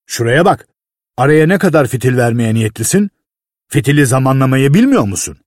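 A man voicing a harsh, cursing male mine foreman who barks orders, in a husky voice, in a read-aloud story. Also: mid-range voice, very animated, fairly quick, no room sound, clean studio sound, natural voice. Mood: furious. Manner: shouting, barking orders. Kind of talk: audiobook reading.

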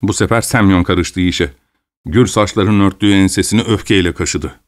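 A man narrating a story in a steady, measured audiobook reading. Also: sits low, no echo, clean studio sound.

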